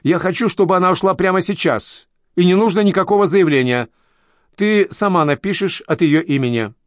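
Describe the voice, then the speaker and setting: A man reading an audiobook, voicing a harsh, overweight male boss who yells shrilly at an employee. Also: lively intonation, normal speed, no echo, studio quality, natural voice. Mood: furious. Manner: yelling, shrill when enraged. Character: harsh fat male boss, furious and cruel.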